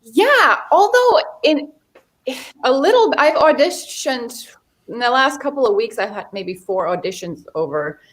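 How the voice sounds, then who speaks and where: A woman's voice: high-pitched, unhurried. A middle-aged woman from Finland, a model and actress, chatting casually as an interview guest and telling stories with frequent laughs. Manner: chatty, laughs often, animated storytelling.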